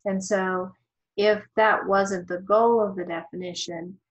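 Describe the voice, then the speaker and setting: Over her lecture slides, a woman teaching law explains things carefully, often stopping on an um and beginning her sentences again. Her mid-range voice holds a steady tone, though the recording quality is rough.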